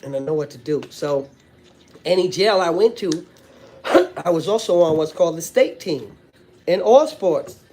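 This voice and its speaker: A man's voice: on the high side, normal speed, pauses often, a little mellow. A man hosting a casual live stream, rambling in street slang with constant filler phrases and swearing. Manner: rambling street talk with frequent "you know what I'm saying" and swearing. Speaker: live-stream host, former prisoner. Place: indoors at home.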